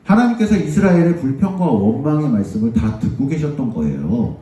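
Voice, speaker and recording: A man tells a Bible story to children in a church, swinging his pitch up and down with lively energy. His tone is warm and mellow rather than bright. He sounds far from the mic, with heavy echo filling the room. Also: fairly quick. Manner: animated, acts out the crowd's voices. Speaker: Sunday school preacher. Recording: echoey church hall, voice from far off.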